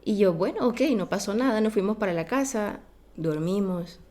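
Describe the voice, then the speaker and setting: A woman guest on a podcast, telling a childhood story in a casual, animated way and acting out the voices of the people in it. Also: medium pitch, moderate pace.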